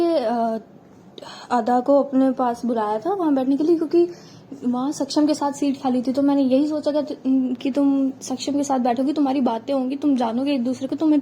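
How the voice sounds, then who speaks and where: A woman storyteller voicing a teasing young woman who defends herself in a quick, flustered rush. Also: high-pitched, mellow, a little hiss or hum, lightly acted.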